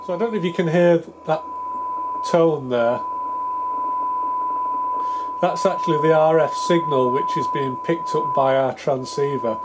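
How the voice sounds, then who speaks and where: On the high side and a little slow, with long pauses, this man's voice carries an improvised, casual radio repair demonstration. He's a hobbyist presenter thinking aloud in a tentative, self-deprecating manner; the clear recording has background noise with hum.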